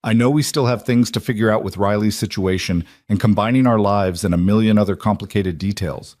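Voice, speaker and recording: A man's voice: fairly low pitch, a little fast, darkish tone, no echo, studio quality, close to an everyday voice. A man voicing a nervous but heartfelt man proposing, speaking tenderly in a storybook reading. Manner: earnest, tender.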